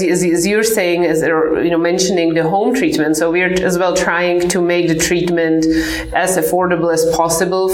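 A woman in her forties with a Czech accent, a psychotherapist explaining her clinic's work in a measured way with frequent fillers. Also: fairly low pitch, reverberant, low-quality recording. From Czech Republic. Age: 40s. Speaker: ketamine-assisted psychotherapist. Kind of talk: podcast interview.

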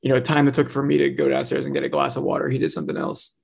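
A man with a medium-pitched voice and very heavy creak co-hosts a podcast. He speaks casually and informally, with a dry sense of humor. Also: very animated, very fast. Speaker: podcast co-host, editor.

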